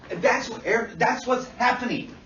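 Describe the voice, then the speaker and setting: A man lecturing counselors in a classroom, animated, swearing freely and checking constantly that students follow. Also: very high-pitched, normal speed, slight background noise. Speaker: instructor teaching counselors. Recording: dull roomy sound from far off.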